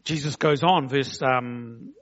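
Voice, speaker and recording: New man preaching, lo-fi. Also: medium pitch. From New Zealand. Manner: conversational, slows for emphasis, acts out quotes. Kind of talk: sermon. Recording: dull lo-fi recording.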